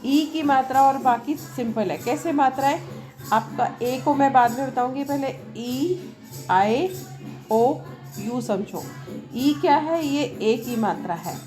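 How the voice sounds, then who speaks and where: A woman English teacher with a somewhat high voice, speaking slowly and deliberately. She talks loudly over noise from a nearby event and keeps asking the class whether they have understood. Clear music from outside plays behind her voice throughout. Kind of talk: classroom lesson at a board, Hindi mixed with English. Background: music from a nearby program.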